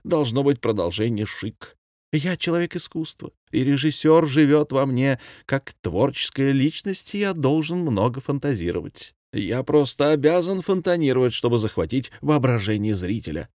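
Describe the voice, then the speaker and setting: A man's voice: mid-range voice, very animated, normal speed, darkish tone, dry recording, studio quality, voice pushed up, natural voice. A man voicing a boastful, pompous middle-aged male former theatre director who talks in grand, theatrical phrases, as a commandant in an audiobook. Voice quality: grandiloquent, theatrical, rhyming speech.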